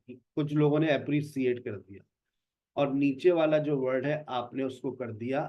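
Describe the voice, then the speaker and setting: A man's voice: a little high, a little mellow. A man teaching an online spoken English class, patiently explaining pronunciation and calling on students by name. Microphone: online class call.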